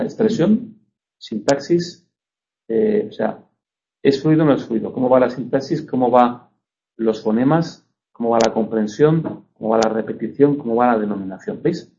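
A man from Spain teaches a lecture in a relaxed, mellow voice of middle pitch. He explains patiently, with frequent little check-ins to his listeners. The recording sounds dull and lo-fi. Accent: Spanish (Spain). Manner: explanatory, checks understanding with frequent tag questions. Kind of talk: university lecture.

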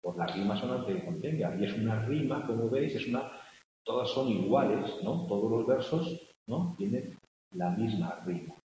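A low-voiced man from lectures a class in a big echoing room, with a faint hiss under the recording. He checks in with "¿no?" after almost every phrase and chants vowel sounds loudly when he scans verse. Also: expressive, normal speed. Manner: keeps asking "¿no?" to check on the class. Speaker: teacher. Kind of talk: classroom lecture on poetic meter. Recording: echoey hall with faint hiss, mic far off.

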